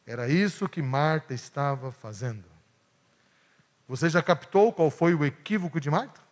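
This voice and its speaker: A male pastor from Brazil preaching a sermon, swinging between emphatic peaks and hushed asides. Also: fairly high pitch, animated, moderate pace. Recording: long church hall reverb.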